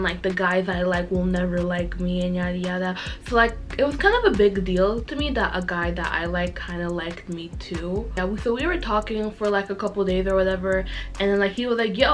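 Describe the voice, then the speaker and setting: A young adult woman vlogger telling stories in casual, slangy girl talk with an animated, emphatic delivery. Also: medium pitch. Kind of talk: casual chatty girl talk, storytelling to camera.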